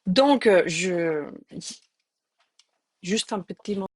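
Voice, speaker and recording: A middle-aged woman with a Spanish accent hosts a live-streamed interview. Her voice sits fairly low, and she hesitates often, filling pauses and restarting her sentences. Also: animated, a little mellow, husky. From Spain. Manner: hesitant, many fillers and restarts. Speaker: host, journalist.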